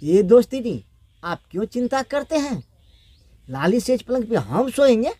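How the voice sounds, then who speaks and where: A man's voice: very high-pitched, sing-song, moderate pace, mellow, no room sound, voice pushed up, exaggerated voice. Man doing a greedy, wheedling friend. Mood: smug. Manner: smug, wheedling reassurance. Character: greedy, scheming male friend of a king.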